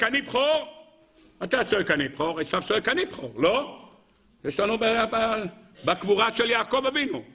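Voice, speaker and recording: A man, a rabbi, giving a weekly Torah lesson, asking rhetorical questions over and over and answering them himself, and addressing his listeners as gentlemen. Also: husky. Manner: animated, swings between high and low.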